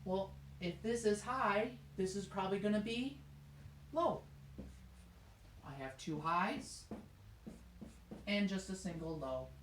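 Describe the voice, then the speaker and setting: Woman music teacher of middle pitch, patient and encouraging, recorded in a roomy space. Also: lively intonation, slow, pauses often, slight background noise. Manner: encouraging, explains step by step, sings short demonstrations. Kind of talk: recorded music lesson for children. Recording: echoey room.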